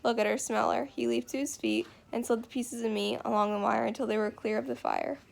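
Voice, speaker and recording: A woman reading a novel aloud in steady, unhurried narration. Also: fairly high pitch, vocal fry, a little hiss or hum. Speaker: reader.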